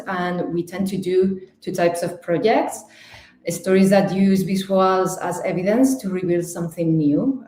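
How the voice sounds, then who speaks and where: In an echoey room, a young Spanish woman with a lowish voice presents an online talk as a guest digital designer. She sounds chatty and a bit nervous, lively, with plenty of fillers and restarts, and her Spanish accent is clear.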